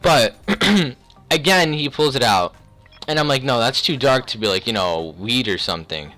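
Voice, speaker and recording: A young man telling a personal story in a casual, rambling, slangy way, often clearing his throat. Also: medium pitch, expressive, normal speed, sharp tone, faint music behind. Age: young adult. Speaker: video creator.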